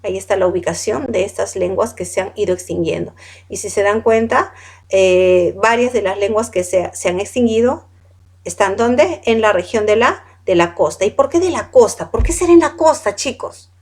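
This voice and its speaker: A woman's voice: mid-range voice, moderate pace, darkish tone, breathy edge. A woman teaching a class, reading out long lists of words one by one, correcting how they are said and asking the students questions. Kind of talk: classroom lecture.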